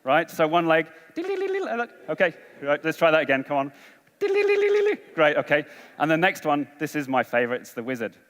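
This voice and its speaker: Energetic man on stage in a reverberant hall. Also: fairly high pitch, fast talker. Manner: energetic, coaxing, rallying a large crowd. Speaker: conference speaker. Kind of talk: conference talk leading an audience game. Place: large conference hall.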